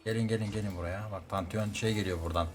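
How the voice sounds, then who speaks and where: A young man streaming a game, reacting live in quick excitable outbursts and often repeating words. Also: on the low side, soft background music. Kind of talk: live gameplay commentary.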